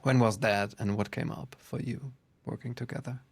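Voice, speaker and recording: A man's voice: mid-range voice, moderate pace, gravelly, slightly rough. Man hosting a casual interview. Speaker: podcast host.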